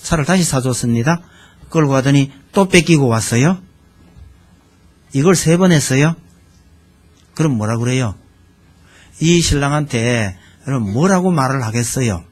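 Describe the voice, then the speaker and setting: A man preaching a sermon as pastor, talking conversationally and putting questions to the congregation. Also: medium pitch. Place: church sanctuary.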